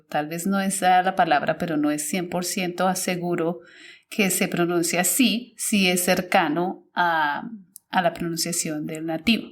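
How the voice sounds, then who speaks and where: Woman musing aloud, slightly low. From Colombia. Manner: thinks aloud, self-correcting and searching for words. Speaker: teacher and podcast host. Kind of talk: casual podcast monologue.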